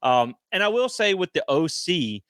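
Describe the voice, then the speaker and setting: Bright-voiced man chatting sports. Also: high-pitched, big pitch swings, normal speed, clear, resonant tone, dry recording. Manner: chatty, storytelling, frequent agreeing. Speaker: podcast co-host. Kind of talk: casual sports talk.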